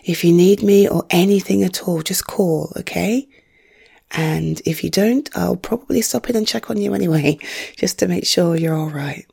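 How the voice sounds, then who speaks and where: Breathy, whispering woman, slow and gravelly. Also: on the low side. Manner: soft, hushed whispering, gentle and reassuring. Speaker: ASMR creator. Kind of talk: ASMR roleplay as a visiting friend.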